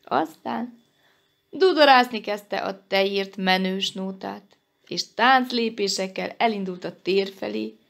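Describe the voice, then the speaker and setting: Gravelly-voiced woman reading a children's story. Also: mid-range voice. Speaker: librarian.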